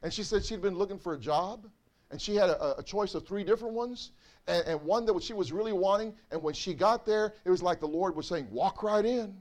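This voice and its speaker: High-voiced pastor preaching conversationally. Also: male voice, fairly quick. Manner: conversational, repetitive, emotional preaching. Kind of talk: sermon. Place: church sanctuary.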